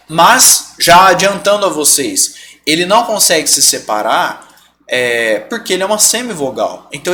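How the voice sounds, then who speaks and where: A man's voice: high-pitched, bright, forceful tone, a little hiss or hum. A Brazilian man teaching a live online grammar lesson, explaining step by step, stretching out example words and often checking in with his students. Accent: Brazilian Portuguese.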